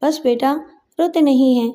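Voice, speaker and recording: A woman reading the part of a loving, hurt stepmother with soft, pleading speech in a story. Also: sits high, close to an everyday voice. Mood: soothing.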